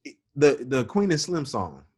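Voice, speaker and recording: A man's voice: mid-range voice, very animated, a little slow, a little mellow, husky. A man co-hosting a casual podcast, insistent and trailing off while he searches for words. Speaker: podcast co-host. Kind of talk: casual chat.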